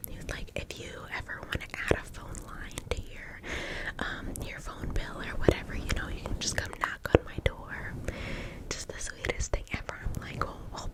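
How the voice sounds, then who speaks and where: Whispering woman in a chatty ASMR ramble. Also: low-quality recording. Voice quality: breathy, unvoiced whisper. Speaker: ASMR host. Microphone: close-up mic with fluffy cover.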